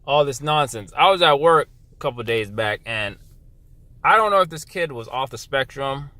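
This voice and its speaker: A young man ranting to camera in a blunt, profane casual vlog, dropping to a low mutter and then jumping to loud outbursts. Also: expressive, moderate pace, no echo. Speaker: vlogger. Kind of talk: casual opinion rant.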